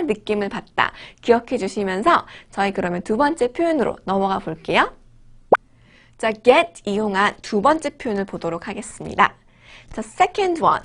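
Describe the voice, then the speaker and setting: A woman teaching English phrases to learners in an upbeat, encouraging way, reading example sentences slowly and clearly. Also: fairly high pitch, a bit bright. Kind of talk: online language lesson.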